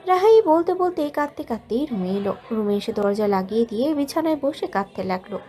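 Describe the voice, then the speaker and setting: Soft-voiced woman narrating a love story. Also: a little high, animated. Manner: soft, measured, emotional storytelling.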